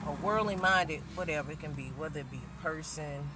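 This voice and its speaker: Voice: mid-range voice, fairly quick. Rambling street-side spiritual pep talk. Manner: rambling, repeats itself, slangy and earnest. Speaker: vlogger. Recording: distant mic with loud street noise.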